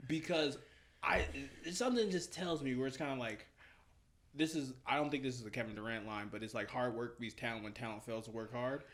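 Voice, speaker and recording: A male podcast host in a casual chat, speaking in halting, rambling phrases with many fillers. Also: mid-range voice, steady tone, a bit bright.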